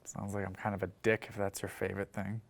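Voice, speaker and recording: A man's voice: lowish voice, completely flat delivery, fast talker, vocal fry. A man playing a worn-out young man who admits he can be cold, speaking in a subdued, weary way in a drama reading. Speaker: actor. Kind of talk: staged radio-style drama reading.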